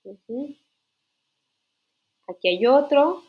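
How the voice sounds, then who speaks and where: A woman's voice: sits high, lively intonation, extremely slow, narrow, tinny audio. A woman teacher explaining writing rules in an online literature class, patient, often checking that students follow. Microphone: computer mic in an online class.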